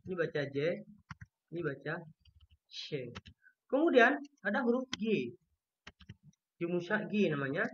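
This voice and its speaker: A Turkish language teacher from Indonesia giving an online lesson with a shared screen, patiently repeating each letter sound slowly to show how it is pronounced. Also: medium pitch, sing-song, highs cut off, slight background noise.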